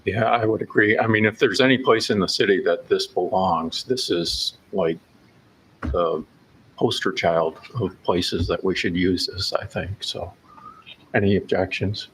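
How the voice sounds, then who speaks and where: A man's voice: low-pitched, unhurried, fairly bright tone, a little hiss or hum, rough recording. A man chairing a meeting with informal, conversational remarks. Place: council meeting room.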